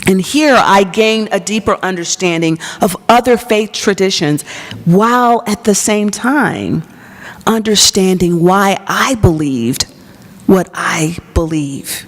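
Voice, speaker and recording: A woman pastor giving an earnest personal testimony to an audience, telling her story and dropping to a soft whisper at intimate moments. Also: medium pitch, slow pace. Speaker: pastor and psychologist. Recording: long hall reverb.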